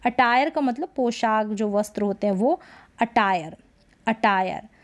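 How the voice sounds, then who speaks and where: A woman teaching English pronunciation in a spoken lesson, sounding words out slowly syllable by syllable and asking rhetorical questions. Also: on the high side. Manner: slow, drawn-out syllable-by-syllable demonstrations, frequent rhetorical questions.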